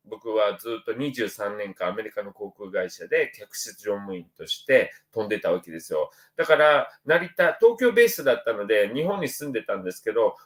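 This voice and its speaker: A middle-aged man from Osaka, a spiritual counselor hosting a casual livestream and chatting upbeat through viewer comments. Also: mid-range voice. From Osaka, Japan. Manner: chatty and upbeat, voice jumps up when reading out names.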